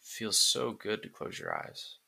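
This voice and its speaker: A man narrating a guided relaxation script like a sleep story, in calm, soothing, deliberate phrases with pauses. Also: fairly low pitch, vocal fry, slightly rough.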